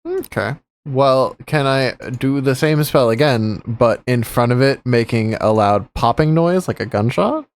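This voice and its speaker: A man's voice: medium pitch, measured pace. A man playing a tabletop game on a live stream, jokey and laughing often. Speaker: player.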